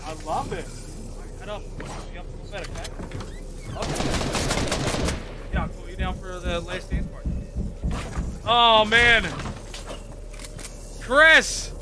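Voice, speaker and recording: Excitable high-voiced male game streamer. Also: takes it slowly, long pauses, heavy background noise. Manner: excitable, hyping up chat. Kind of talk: live gameplay commentary.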